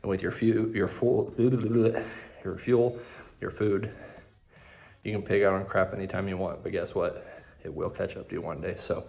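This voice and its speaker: Man, very low voice, casual vlog tips, garage gym, joking asides, slightly out of breath. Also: steady tone, unhurried, gravelly, a little mellow. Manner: joking, self-deprecating asides. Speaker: fitness content creator.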